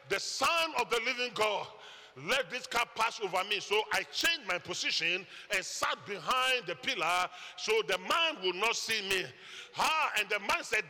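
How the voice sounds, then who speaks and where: A Ghanaian man preaching a sermon testimony, telling his story with lively quoted voices. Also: high-pitched. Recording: echoey hall reverb.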